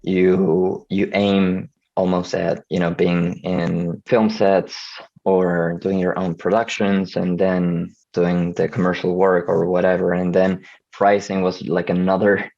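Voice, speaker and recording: On a relaxed video call, this man from Venezuela, who works as a video editor, keeps stumbling and starting his sentences over. He speaks slowly and flatly in a low, slightly mellow voice with vocal fry, and the highs are cut off.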